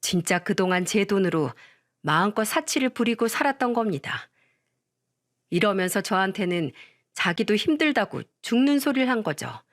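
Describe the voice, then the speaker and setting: Woman narrating a radio-style story. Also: mid-range voice. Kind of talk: scripted first-person story narration.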